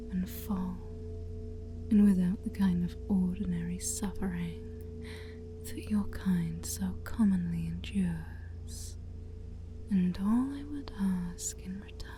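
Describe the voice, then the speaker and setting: In an ASMR roleplay addressed to the listener, a woman plays a shy yet scheming demon princess of a dark forest. She speaks at medium pitch, softly and breathily, mostly whispering, using coaxing, formal speech with playful asides.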